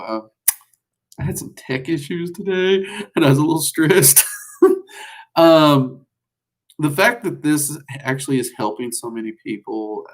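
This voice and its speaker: On a casual livestream where he teaches magic and answers viewers, a folksy Southern man rambles on with plenty of fillers. His voice is mid-range and creaky, and the recording is rough.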